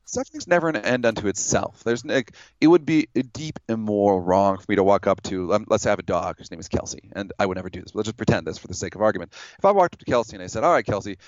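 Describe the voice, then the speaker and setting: A man debating religion in a measured, explanatory way, building his case with hypothetical examples. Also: on the low side, darkish tone, no room sound, dull audio.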